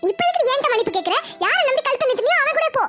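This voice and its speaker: A woman's voice: very high voice, big pitch swings, very fast, sharp tone, no room sound, studio quality, faint music behind, heavily acted. A woman voicing an anxious, devout middle-aged mother in a cartoon who scolds and wails. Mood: furious. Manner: scolding, wailing and fretful. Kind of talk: cartoon voice acting.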